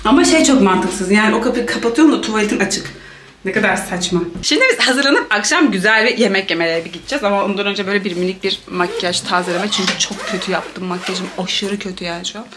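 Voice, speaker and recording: A young woman chatting playfully to a handheld camera for her travel vlog, laughing often and breaking into lively exclamations. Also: mid-range voice, quick pace, slight background noise. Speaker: travel vlogger. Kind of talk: casual travel vlog chat.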